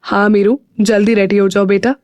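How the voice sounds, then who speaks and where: Woman doing a calm gentle dad, soft easy tone, dry sound. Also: mid-range voice, normal speed, no room sound, lightly acted. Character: gentle middle-aged father, calm and loving.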